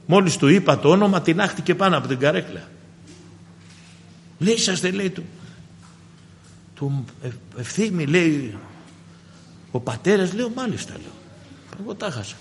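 A man preaches with fervour, rising into emphatic bursts and then dropping to low, quiet asides. His voice sits fairly high. The sound carries a long reverb, as in a large hall. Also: lively intonation, pauses often, slight background noise. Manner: fervent, addresses the congregation as brothers, rises in emphatic bursts and drops low. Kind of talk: sermon with personal testimony.

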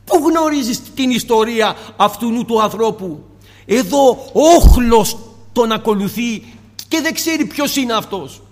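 A male preacher giving an impassioned sermon, firing off rhetorical questions and dropping suddenly to a soft tone. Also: very high voice, lively intonation, big-room sound.

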